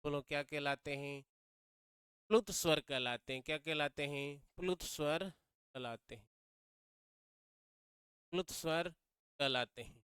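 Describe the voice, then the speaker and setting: A man's voice: a little high, measured pace, pauses often, fairly bright tone, clean tone, no room sound. A man teaching a grammar lesson, repeating key phrases and quizzing his students as he goes.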